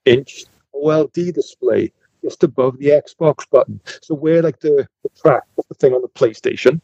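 A man from the United Kingdom co-hosting a podcast, telling stories in casual chat, excitable and laughing often. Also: mid-range voice, moderate pace, vocal fry, no room sound, dull audio. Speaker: podcast co-host.

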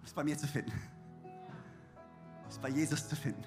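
A man preaching a sermon in a church, his voice worn from shouting, swinging between hushed whispers and loud cries and dropping in English words. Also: a little high, moderate pace, music in the background.

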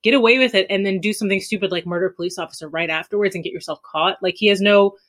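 A woman's voice: medium pitch, very fast. A woman debating casually on a podcast in an informal, skeptical way.

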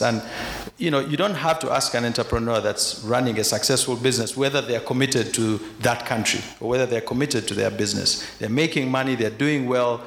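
A man's voice: medium pitch, a bit bright. A man from Uganda speaking as a panelist at a conference, making a candid, argumentative case with frequent restarts. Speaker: panelist, investor. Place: large conference hall with audience. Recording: echoey hall, faint noise.

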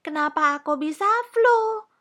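A woman voicing an excited, whiny little girl princess in a storybook reading, high and sing-song. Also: unhurried. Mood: eager.

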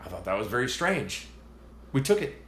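A man co-hosting a podcast in relaxed casual chat. He tells short anecdotes, laughs along and fills gaps with repeated yeahs. His voice sits in an echoey room over faint background hiss. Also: mid-range voice, moderate pace. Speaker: podcast co-host.

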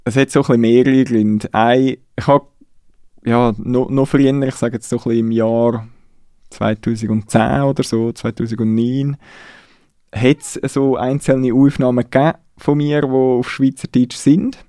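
A Swiss musician from Nidwalden, Switzerland, speaks as a guest in a casual interview, reflective and hesitant, often restarting his sentences. His medium-pitched voice is smooth and warm with a flat delivery at a measured pace, recorded at studio quality with no room sound.

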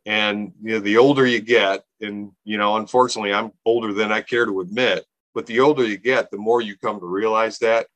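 An earnest man in his fifties, founder of a nonprofit, rambles through a casual podcast interview, restarting sentences often and using many fillers. His fairly low, slightly bright voice stays fairly even and moves a little fast with few pauses. The low-quality recording has no echo.

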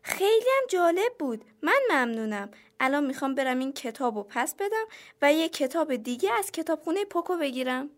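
Female guest, high and very lively voice, cheerful. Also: few pauses. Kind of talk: children's show chat.

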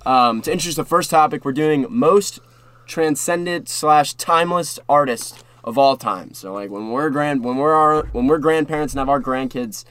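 A man's voice: on the high side, moderate pace, a bit bright, smooth, dry recording. A young man hosting a podcast in casual, rambling unscripted chat that often repeats phrases. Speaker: podcast host. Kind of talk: casual unscripted sports and pop culture chat.

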